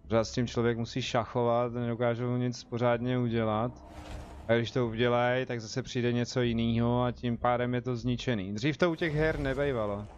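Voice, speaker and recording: A man's voice: medium pitch, level tone, muffled recording, a little hiss or hum. A young man with a Czech accent, chatting casually as he streams a game and jokes with his viewers. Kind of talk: casual live gameplay commentary.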